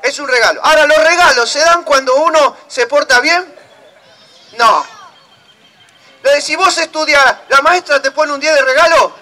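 A man's voice: very high voice, normal speed, sharp tone. A man with a Rioplatense Argentine accent, a puppeteer teaching a workshop and joking playfully with children. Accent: Rioplatense Argentine Spanish. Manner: playful, teasing banter with children. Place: outdoor town square. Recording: outdoor crowd and street noise.

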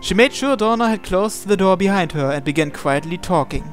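This man's voice is high-pitched, animated and fairly quick as he narrates a visual novel aloud with dramatic flair and side comments. He sometimes stumbles and repeats phrases, and game music plays behind him.

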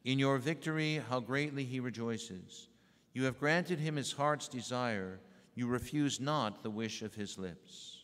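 A man leading a church service as priest, reciting prayers and readings in a measured, solemn way. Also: medium pitch, fairly bright tone. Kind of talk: liturgical recitation. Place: large church. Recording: echoey church hall.

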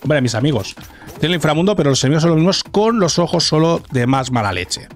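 A man's voice: a little high, animated, quick pace. A man with a Castilian Spanish accent giving casual, sweary gameplay commentary, talking to himself as he plays. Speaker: gaming streamer. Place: small indoor streaming room. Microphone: boom-arm microphone close up. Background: video game music.

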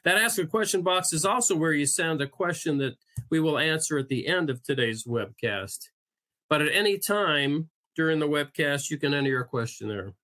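A man's voice: a little high, lively intonation, moderate pace, pushed and bright. A man, a magazine editor, opening and hosting a webinar with a scripted introduction and a light joke now and then.

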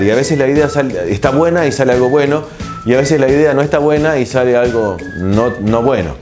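Music plays underneath as a mid-pitched Argentine man in his forties, a TV host and producer, casually answers questions as an interview guest. Speaking with an Argentine Spanish accent into a lapel mic, he comes across as relaxed and reflective, pausing often with fillers.

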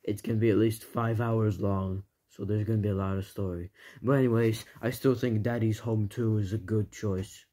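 A man's voice: on the low side, fairly even intonation, normal speed, dark tone, natural voice. A young man voicing a dim, eager robot henchman who rambles on in a homemade comedy skit. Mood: rambling.

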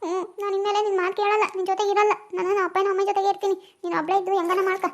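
A very high, flat-voiced cartoon grandson who talks back reproachfully. He speaks quickly and keeps his tone level. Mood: sulking. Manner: sulky, reproachful. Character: sulking young grandson, cartoon boy. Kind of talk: cartoon comedy voice acting.

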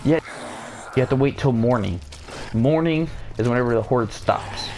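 A young man swearing and joking his way through a game, loose and excitable. His voice sits in a middle register over a faint hiss. Cars drive past an open window somewhere behind him. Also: mid-range voice, moderate pace. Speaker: gamer. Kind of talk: casual gameplay commentary. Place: home room with open window. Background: cars passing outside.

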